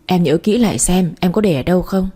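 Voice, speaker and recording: Storybook: a firm, stern middle-aged dad, low and husky, read by a woman. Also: a little fast, dark tone.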